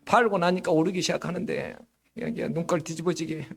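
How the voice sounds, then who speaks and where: A middle-aged man preaching a sermon as pastor, slightly hoarse, telling stories in a lively way and often checking in with the congregation. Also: on the high side, quick pace. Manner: lively storytelling with frequent rhetorical "응?".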